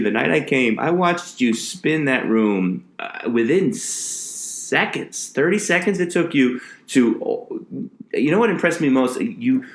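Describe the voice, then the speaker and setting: A man with a fairly low voice hosts a relaxed, conversational podcast interview. He builds his points haltingly, often rewording them midway. The recording is roomy, with clear echo around his voice. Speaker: podcast host; comedian.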